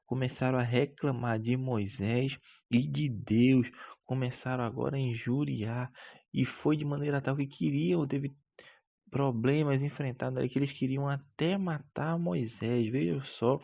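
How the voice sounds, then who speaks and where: Gravelly preachy school teacher. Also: male voice, medium pitch, fairly even intonation, measured pace, warm tone, lo-fi sound. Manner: preachy, emphatic, drawing out key words and addressing listeners as brother. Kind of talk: Bible lesson teaching.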